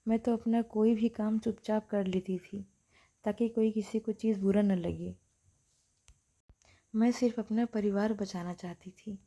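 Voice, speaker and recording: Brief: a woman playing a gentle old mother, hurt, low and soft, warm dark timbre. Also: fairly even intonation. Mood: sorrowful. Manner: soft, slow, tearful and hushed.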